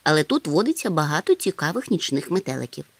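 A woman voicing a slow-witted, mild-mannered male creature obsessed with rare insects, who mutters to himself. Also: low voice, very animated, no room sound, heavily acted. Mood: pedantic.

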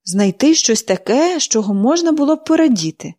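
A woman reader voicing a cheerful, chatty young girl who speaks brightly and eagerly. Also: mid-range voice, very animated, moderate pace.

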